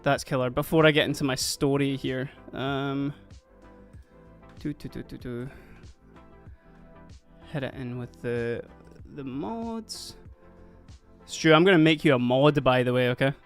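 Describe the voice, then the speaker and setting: A Scottish-accented streamer from Dundee talks casually on a livestream, rambling, laughing often and multitasking as he speaks. He has a medium-pitched voice, a measured pace and frequent pauses. Faint background music plays.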